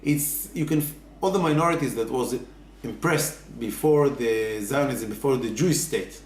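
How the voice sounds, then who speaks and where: Man, interviewee, earnest and hesitant, echoey room, faint hiss. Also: medium pitch. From Israel. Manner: earnest, halting, with many fillers. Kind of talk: casual interview answers.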